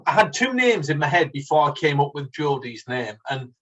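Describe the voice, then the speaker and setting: A relaxed man chatting on a podcast. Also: on the high side, normal speed, lo-fi sound. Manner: relaxed, hesitant, restarts sentences. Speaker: podcast co-host. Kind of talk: casual chat.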